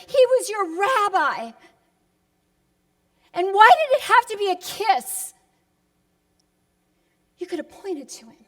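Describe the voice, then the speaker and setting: A very high-pitched woman preacher delivers a reflective sermon, solemn and dramatic, with deliberate pacing and emphatic pauses. She moves between hushed and impassioned moments, and her words ring out with the long reverb of an echoing hall.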